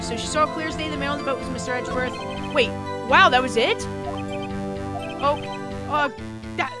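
A woman giving casual gameplay commentary, hoarse from yelling, muttering and swearing under her breath. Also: high-pitched. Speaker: let's play host. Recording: game music playing behind.

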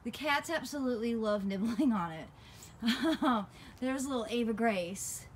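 A woman's voice: fairly high pitch, expressive, a little slow, slight background noise. A woman chatting casually and laughing easily as she walks through her outdoor garden, filming on a phone. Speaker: gardening vlogger.

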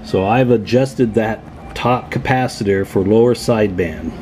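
Soft music plays behind a man with a lowish, slightly mellow voice who talks a little slowly. As a radio repair hobbyist and video host, he walks viewers through a casual hands-on tutorial at an indoor workbench, explaining each step informally.

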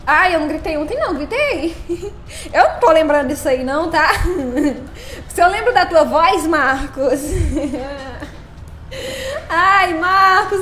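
A woman's voice: extremely high pitch, fairly bright tone, slight background noise. A woman chatting on a live stream, playful and laughing often as she greets her viewers by name. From Brazil.

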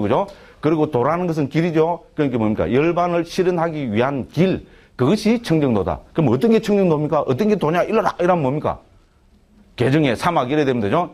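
A man's voice: medium pitch, darkish tone. A middle-aged male monk giving a lecture to a class. He keeps asking rhetorical questions, checks with "right?" again and again, and slips in playful jokes between points.

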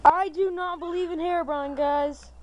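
A woman giving casual, excitable gameplay commentary as a gaming channel host, repeating herself playfully. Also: very high-pitched, normal speed, slight background noise, rough recording.

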